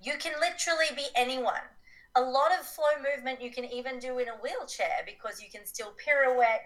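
A woman chatting casually as a podcast guest, her voice raspy like a smoker's and still recovering from being sick. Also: medium pitch, a bit bright, poor audio. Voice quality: raspy, rough voice like a smoker's rasp. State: voice recovering from sickness. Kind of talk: casual interview chat.

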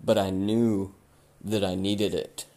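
A man hosting a podcast, giving blunt, casual advice and swearing freely, while he loses his voice and keeps clearing his throat. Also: low-pitched, flat delivery, slow pace, warm tone. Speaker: podcast host.

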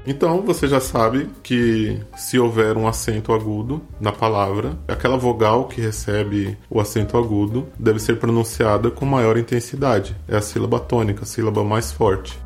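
A man co-hosts a conversational Portuguese lesson, explaining calmly and clearly. He slows down to model example words. Faint music plays softly behind him. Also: fairly low pitch. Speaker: podcast host teaching Portuguese pronunciation.

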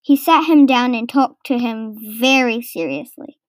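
A woman reading a children's storybook aloud, slow and careful. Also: a little high, lively intonation, no room sound. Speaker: narrator.

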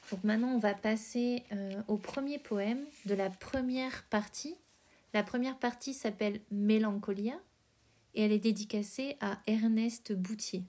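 A woman hosting a podcast, reading poetry aloud with careful, measured phrasing. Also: medium pitch, dark tone, slight background noise. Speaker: podcast host.

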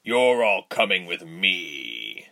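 A man's voice: low voice, big pitch swings, gravelly, sharp tone, full character voice. A man playing a smug, scheming male villain commander who smirks and threatens. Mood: menacing. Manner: slow, smirking, menacing.

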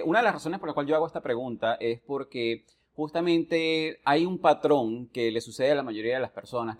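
A man from Venezuela hosting a podcast interview, speaking in a reflective, earnest way with long, building sentences. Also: medium pitch. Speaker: podcast host. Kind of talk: conversational interview.

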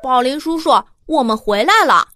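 Woman playing an eager, cheeky, high-voiced kid. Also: lively intonation, moderate pace, bright, forceful tone, no echo, studio quality. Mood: proud. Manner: eager, challenging, childlike. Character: eager, cheeky, confident child who loves cars. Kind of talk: children's audio story.

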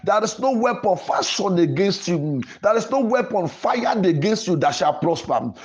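The pastor's high voice swings widely in pitch as he moves at a moderate pace through Pentecostal preaching and prayer. Hosting the programme, he speaks emphatically and declaims, repeating his wording, with music playing underneath.

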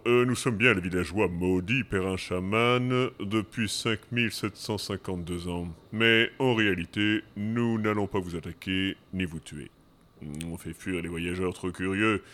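A man voicing a weary fake ghost hiding under a sheet, with a gravelly, deep voice and a deflated, grumbling manner. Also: a bit bright. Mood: sheepish.

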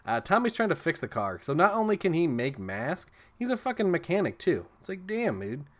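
A man's voice: fairly high pitch, big pitch swings, fairly quick. Profane joking man recapping a film. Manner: profane, joking, sarcastic asides. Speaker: movie review host. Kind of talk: comedic movie recap.

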